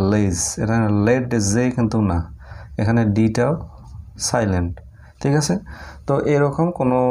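A man's voice: mid-range voice, darkish tone. A man teaching English pronunciation, spelling words letter by letter and often checking that students follow. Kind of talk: spoken lesson to students.

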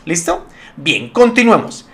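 A man's voice: high voice, wildly swooping pitch, slow, creaky, a bit bright. A man giving a casual spreadsheet lesson, chatty and laughing easily as he talks to his viewers. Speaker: Excel tutorial instructor.

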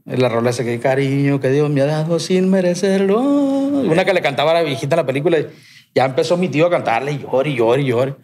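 Telling a long personal story as a podcast guest, a Sinaloan-accented man rambles casually, swearing and using lots of slang. He talks at a quick pace with lively intonation in a fairly high, slightly mellow voice, with a little hiss or hum in the background.

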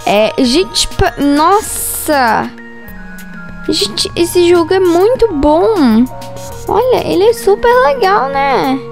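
A young Brazilian woman with a very high voice and a Brazilian Portuguese accent, talking through a game in an excitable way and breaking into squeals and giggles when frightened. She speaks slowly, and light game music plays behind her. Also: creaky. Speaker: gaming channel host. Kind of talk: casual gameplay commentary.

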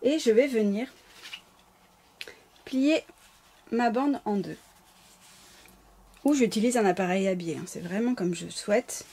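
A woman's voice: medium pitch, measured pace, long pauses, mellow, slightly rough. A woman with a slight lisp giving informal, apologetic, step-by-step craft instructions as a tutorial host. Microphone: camera placed close over the work table.

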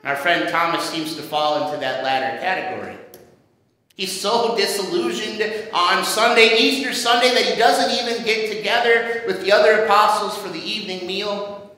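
A male pastor with a high, bright voice tells the sermon's story in a measured, dramatic way. His voice rings out through a large church, with a long, echoing reverb trailing every phrase. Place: church sanctuary. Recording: echoey church hall reverb.

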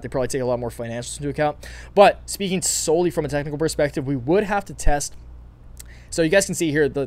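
Raspy fast-talking young man. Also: medium pitch, a little mellow. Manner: rambling, repeats himself, many fillers. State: losing his voice, raspy. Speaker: stock market video host. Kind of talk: casual market analysis vlog.

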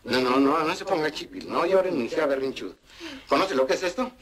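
A man's voice: on the high side, expressive, brisk, fairly bright tone. A man playing a cheeky, boastful streetwise talker who rambles through jumbled wordplay in a vintage TV comedy sketch. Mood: cheeky rambling. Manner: rambling, wordplay-laden chatter. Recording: old TV sketch with audience laughter. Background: studio audience laughing.

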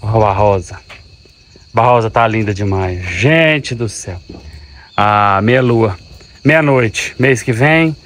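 This farmer's voice runs on the low side, animated and fairly bright, yet slow with long pauses. He's a dairy farmer casually narrating a farm vlog outdoors on his cattle farm, talking affectionately to his cows while animals, birds and insects sound faintly nearby.

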